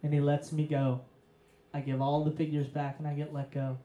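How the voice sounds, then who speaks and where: A young man telling a profane, deadpan personal story as a stand-up comedian. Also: fairly high pitch, moderate pace, dull audio. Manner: profane, deadpan build to punchlines. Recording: roomy echo.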